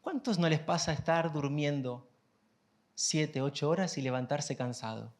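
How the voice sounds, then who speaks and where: A man's voice: on the high side, animated, measured pace. A man preaching a sermon as pastor, asking the congregation questions and building up to emphatic phrases.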